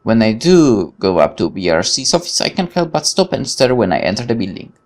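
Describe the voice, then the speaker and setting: A man hosts a let's play of a visual novel, reading the game text aloud with casual, rambling commentary and the odd stumble. His mid-range voice swings widely in pitch and moves a little fast.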